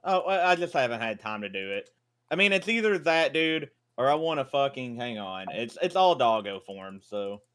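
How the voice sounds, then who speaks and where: A man's voice: medium pitch, sing-song, normal speed, a bit bright, smooth. A man playing in a tabletop game, eager and casual, cursing now and then. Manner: eager, restless, swears casually. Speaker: player.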